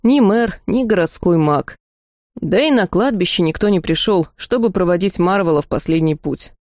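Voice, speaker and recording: A woman's voice: on the low side, animated, moderate pace, darkish tone, no echo, studio quality, close to an everyday voice. A woman voicing a worried middle-aged housekeeper in an audiobook. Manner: worried, pleading.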